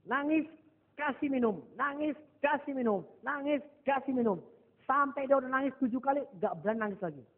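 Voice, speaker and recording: High-voiced man teaching a seminar. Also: a little fast. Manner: lively storytelling, mixing English phrases, acting out dialogue. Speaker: motivational NLP trainer. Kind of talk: seminar talk to a live audience. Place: seminar hall. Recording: echoey hall over a thin, phone-like line.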